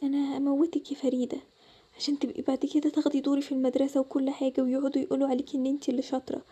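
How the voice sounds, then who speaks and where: A jealous schoolgirl muttering menacing threats in her sleep, as a woman with an Egyptian Arabic accent puts her on for a toy-game story. The voice stays high and quick but dark and hushed. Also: little pitch movement, close to an everyday voice.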